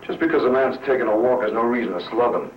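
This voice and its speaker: An actor playing a skeptical, tough questioner with a blunt manner, in old B-movie style. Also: male voice, medium pitch, fast talker, slight background noise, natural voice. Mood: skeptical, needling. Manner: blunt, sceptical. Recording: muffled, echoey, distant old film soundtrack.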